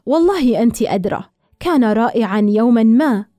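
A woman reading a sly, smooth young man. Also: fairly high pitch, lively intonation, fairly quick, dry recording, clean studio sound, lightly acted. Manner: soft, knowing, chuckling.

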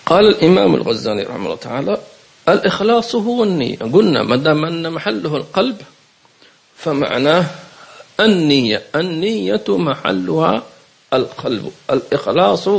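A man gives a religious lesson. He repeats key words and keeps asking whether his listeners follow. His voice is rough and husky, sits fairly high for a man, and moves a lot in pitch. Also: big pitch swings, normal speed. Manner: questioning, repeats key words, checks understanding. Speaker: religious teacher. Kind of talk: lesson commentary on a religious book.

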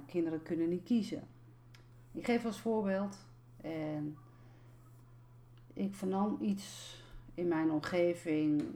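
Slow, low-voiced woman coach. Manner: calm, explanatory, with repetitions. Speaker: life coach. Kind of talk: reflective spoken talk.

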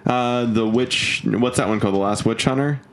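A man hosting a podcast, laid-back and chatty, often laughing and pausing with "uh". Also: mid-range voice. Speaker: podcast host. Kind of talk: casual chat.

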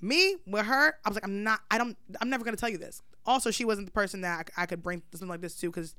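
Animated young woman telling a story, smooth voice. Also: mid-range voice, fast, dry recording. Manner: animated storyteller acting out dialogue, blunt and profane. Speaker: podcast co-host telling a story. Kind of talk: casual chat.

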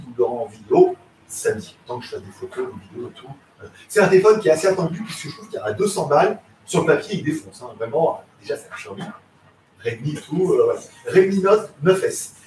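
Chatty man in an echoey room. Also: fairly high pitch. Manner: loose, slangy, rambling with many fillers. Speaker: podcast host. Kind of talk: casual live tech chat. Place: home in Thailand. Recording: echoey room, distant mic, faint hiss.

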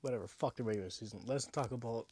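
A man's voice: mid-range voice, fast talker, darkish tone, slightly rough. A drunk man hosting a casual sports podcast alone, rambling, repeating himself and swearing. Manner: rambling, profane, repetitive. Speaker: podcast host.

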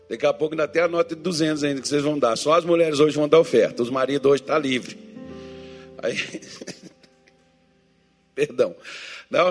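A man's voice: high voice, creaky, husky. A man preaching a joking sermon as pastor, teasing his congregation and acting out Bible figures and churchgoers in different voices.

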